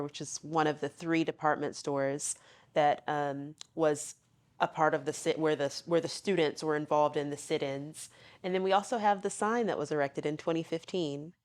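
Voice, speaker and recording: A woman who owns a bed and breakfast gives a casual guided tour in an interview, sharing family history with plenty of ums. She has a Southern accent and a low, steady voice with a darkish tone, speaking at a normal speed.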